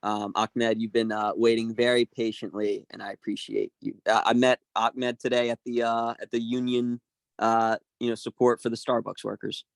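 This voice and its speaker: A man's voice: mid-range voice, level tone, moderate pace, vocal fry, dry recording, poor audio. A man moderating a community meeting, talking casually with many fillers and a friendly, hesitant manner.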